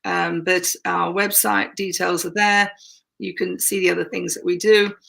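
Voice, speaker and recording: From a tower room in a converted church, a woman co-hosts a casual faith conversation as a ministry leader, talking at length with plenty of fillers. Her lowish, fairly bright voice has vocal fry and little pitch movement, and she speaks at a moderate pace. Her accent is not Yorkshire.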